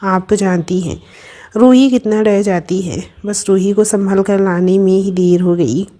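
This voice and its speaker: A woman's voice: medium pitch, fairly even intonation, a little slow, dark tone, close to an everyday voice. A woman doing a teasing young woman friend. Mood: explaining. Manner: teasing, bossy and affectionate.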